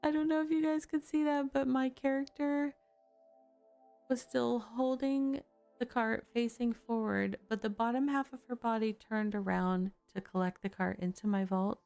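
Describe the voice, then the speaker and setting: A woman chats casually as she streams a game from home, laughing often between her thoughts. Her voice sits a little high but stays soft and mellow. Faint chill music plays underneath. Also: fairly even intonation, moderate pace, vocal fry, no room sound. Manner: chatty, laughs often, loose with fillers. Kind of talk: casual live-stream chat. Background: faint chill background music.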